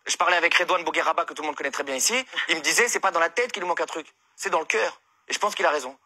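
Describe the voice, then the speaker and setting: A French comedian tears through his column in a high, husky voice. He sounds bright and cutting, all exasperated mock outrage. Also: very fast. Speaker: comedian giving a humor column. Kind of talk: comic monologue.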